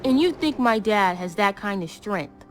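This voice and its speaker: A woman's voice: medium pitch, animated, unhurried, faint music behind, natural voice. A woman voicing a defiant teenage boy in a video game, talking in a sulky, stubborn way. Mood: unsure.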